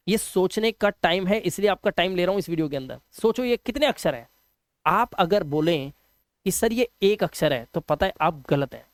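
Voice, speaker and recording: An English teacher with a high-pitched voice leads a classroom-style video lesson, captured in a dry recording. He is patient and repetitive, often putting questions to his viewers.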